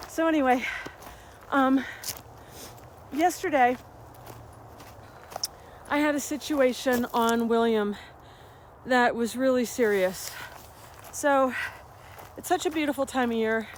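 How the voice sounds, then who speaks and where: Her voice is high-pitched, and she takes it slowly with frequent pauses over slight background noise. This woman in her fifties, a health coach and vlogger, walks up a rural outdoor trail a bit out of breath, chatting animatedly and laughing.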